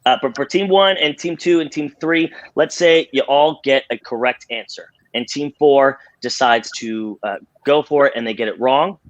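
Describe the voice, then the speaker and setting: A man's voice: medium pitch, normal speed, hardly any pauses, no room sound, dull audio. A man hosting a live trivia game in an upbeat, showy cruise-director style of announcing. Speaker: game show host.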